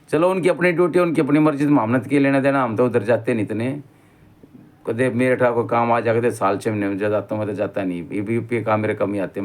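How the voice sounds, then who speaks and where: A man's voice: mid-range voice, a little mellow. A middle-aged man with a Haryanvi accent, talking in a casual monologue and rambling through stories while calling the listener brother. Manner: rambling storyteller, keeps saying "bhai". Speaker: vlogger.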